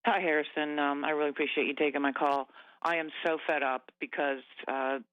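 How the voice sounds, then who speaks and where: Guy calling into a radio show, phone line sounds thin and dry, kinda gravelly, keeps stumbling and restarting. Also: fairly high pitch, steady tone, no echo. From Nova Scotia. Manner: halting, many fillers and restarts. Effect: radio show caller on a phone line. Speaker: caller. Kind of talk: agitated call-in talk.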